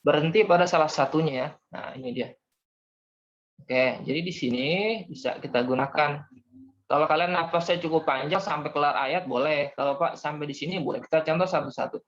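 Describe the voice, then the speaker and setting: A man's voice: on the high side, fairly quick. A young man teaching a class, patiently explaining step by step and calling on students. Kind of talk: online class lesson. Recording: dull lo-fi audio.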